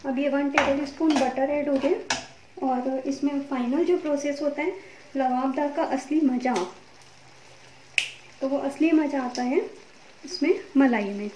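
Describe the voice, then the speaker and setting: High-pitched lady doing a cooking tutorial at the stove, chatty, lots of "okay", pan sizzling, echoey kitchen. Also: unhurried, long pauses, noisy background. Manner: chatty, step-by-step instructions with frequent "okay". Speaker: cooking channel host. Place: home kitchen at a gas stove.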